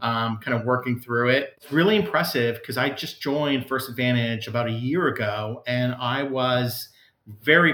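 A man's voice: medium pitch, a bit bright, echoey room. A man, a customer service executive, answering interview questions in an earnest, conversational way with frequent fillers and restarts.

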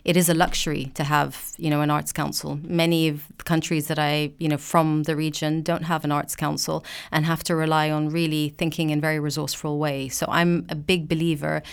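A woman from Palestine in her forties, a museum director speaking as an interview guest in a measured, articulate way with frequent hedges. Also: low-pitched, little pitch movement, creaky, clean tone.

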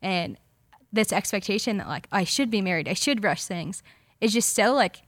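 A woman's voice: mid-range voice, lively intonation, moderate pace, fairly bright tone, dry recording. A young woman in her twenties chats casually on a podcast panel. She keeps reaching for "like" between her thoughts. Her voice sits in a normal range and comes through dry and close on a studio mic. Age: 20s. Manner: chatty, many "like" fillers. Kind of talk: casual chat.

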